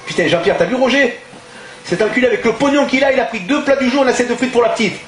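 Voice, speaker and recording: A man playing a crude, loud restaurant owner from Toulon with a southern French accent, swinging between fake charm and insults in a live stand-up sketch. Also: very high-pitched, fast, noisy background, voice pushed up. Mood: grumbling. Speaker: stand-up comedian. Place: theatre stage before an audience. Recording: echoey live hall.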